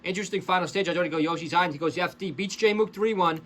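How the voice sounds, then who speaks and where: High-voiced excitable male game commentator. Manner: excitable, rapid play-by-play mixed with chatty asides to viewers. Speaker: esports commentator and channel host. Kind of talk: casual play-by-play commentary over match footage.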